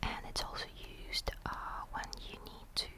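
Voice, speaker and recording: A woman whispering through an ASMR show-and-tell of a camera, hesitant and often searching for the right word. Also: normal speed. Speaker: ASMR host.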